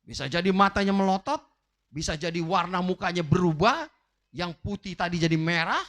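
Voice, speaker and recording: A man's voice: high voice, moderate pace, a bit bright. A man preaching a sermon with an emphatic, rising and falling delivery, often turning directly to his congregation. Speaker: pastor. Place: church livestream.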